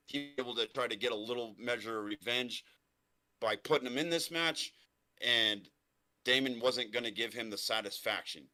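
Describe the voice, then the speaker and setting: A man's voice: medium pitch, pushed and bright. A man on a wrestling review panel, repeating his opinion for emphasis. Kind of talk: casual wrestling review chat.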